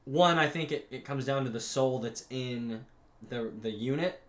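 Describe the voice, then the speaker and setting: A man co-hosting a casual podcast, rambling with many restarts and some swearing, sometimes acting out characters' lines. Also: mid-range voice. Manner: acts out characters' lines in quick asides. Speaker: podcast co-host. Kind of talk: casual podcast chat about anime. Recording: roomy echo.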